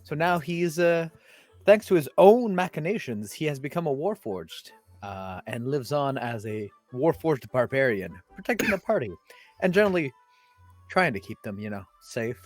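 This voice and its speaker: A man's voice: medium pitch, lively intonation, moderate pace, soft background music. A man introducing his tabletop character in casual chat, laid-back and hesitant with many ums. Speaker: player. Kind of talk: casual live-stream chat.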